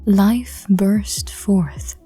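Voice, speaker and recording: A woman narrating in a hushed, breathy, intimate whispered role-play, addressing the listener directly. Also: mid-range voice, steady tone, very slow, faint music behind. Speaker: audio drama reader.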